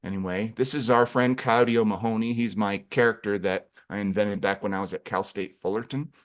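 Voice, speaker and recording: A man presenting a clinical webinar lecture in an animated, playful way, acting out voices. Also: lowish voice, fairly quick.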